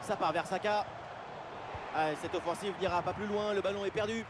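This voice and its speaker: A man giving excited football commentary as play-by-play, with exclamatory calls. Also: sits high, brisk. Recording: loud stadium-like background noise.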